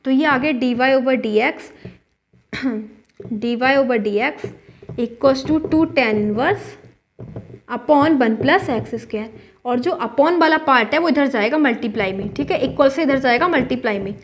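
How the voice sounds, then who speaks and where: A woman's voice: sits high, lively intonation, slow, a little hiss or hum. A woman math teacher, patiently explaining a solution step by step and often checking that students follow.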